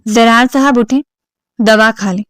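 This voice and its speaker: Soft, pleading young woman, as a narrator reads her. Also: fairly high pitch, dry recording, clean studio sound, lightly acted. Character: gentle, pleading young woman of twenty-one.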